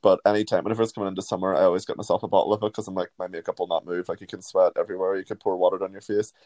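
A man's voice: deep voice, little pitch movement, rapid-fire, a little mellow, dry recording. A young man and drag performer in his twenties, chatting casually on a podcast, laughing often and swearing casually.

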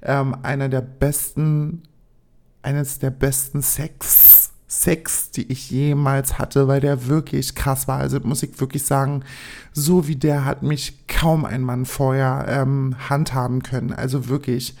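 A woman's voice: a bass voice, level tone, measured pace, warm tone. A woman in her twenties, hosting a podcast, tells personal stories in a casual, blunt, slangy way with many filler phrases. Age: 20s. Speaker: podcast host. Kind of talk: casual storytelling.

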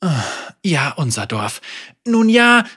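A woman doing a fumbling, flattering village chief. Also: sits low, takes it slowly, slightly rough, full character voice. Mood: placating. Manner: hesitant, filler-laden, ingratiating. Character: awkward hesitant female village leader, placating.

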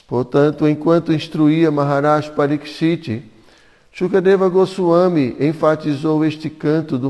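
A man's voice: on the high side, a little mellow, long reverb tail. A Brazilian Portuguese-speaking man reading scripture commentary aloud at a devotional class, chanting Sanskrit verses in a singsong. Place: community hall at an ecovillage.

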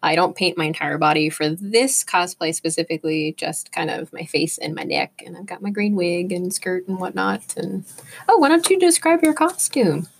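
Woman with a slightly low voice just explaining stuff plainly, chatty. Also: moderate pace, creaky, slightly rough. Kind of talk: casual chat.

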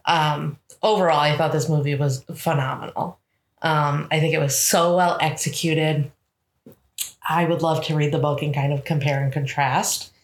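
A woman's voice: deep voice, fairly even intonation, moderate pace. A woman co-hosting a podcast, chatting in a laid-back way with dry asides. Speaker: podcast co-host. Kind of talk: casual chat. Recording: roomy echo.

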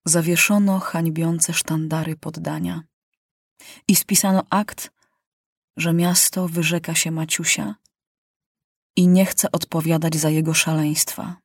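A woman narrating a children's novel aloud in a measured, dramatic reading style. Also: sits low, level tone, breathy edge, no room sound, studio quality. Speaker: audiobook narrator. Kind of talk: storybook reading.

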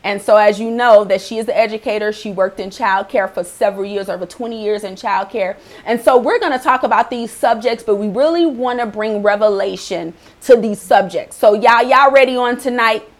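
A woman hosting a faith-based talk show in a chatty, animated way, laughing often. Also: medium pitch, brisk, few pauses. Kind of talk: casual faith-based chat.

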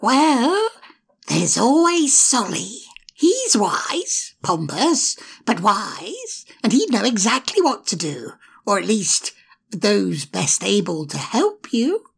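A woman voicing a gravelly, sneering male imp. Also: very animated, takes it slowly, heavily acted. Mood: taunting. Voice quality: gravelly, raspy. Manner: mocking, sneering, darts between whispers and shrill taunts. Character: sly, spiteful male imp, cackling and insulting. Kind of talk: storybook reading.

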